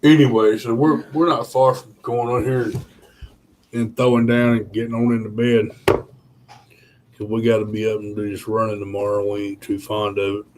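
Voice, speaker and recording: A man's voice: lowish voice, flat delivery, moderate pace, darkish tone, slight background noise. A tired man, chatting casually with viewers on a live stream, rambling with lots of fillers. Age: 30s. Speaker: channel host.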